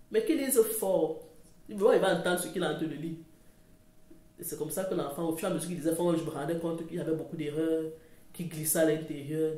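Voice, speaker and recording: A woman's voice: on the low side, darkish tone. A woman talking casually to camera about parenting, chatty and rambling, often correcting herself. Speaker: parenting vlogger. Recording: roomy echo.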